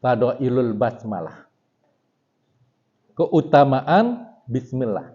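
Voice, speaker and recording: Slow lively-pitched male religious teacher. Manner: chants Arabic text slowly, then explains casually with chuckles. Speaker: Islamic scholar teaching a religious text. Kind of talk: religious study lecture. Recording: dull lo-fi recording.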